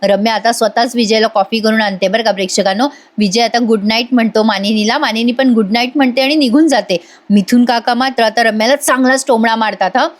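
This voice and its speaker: A woman's voice: a little high, steady tone, fairly quick. A woman doing a chatty voice-over recap of a TV serial, talking straight to her viewers. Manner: chatty, addresses viewers directly. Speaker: TV serial reviewer.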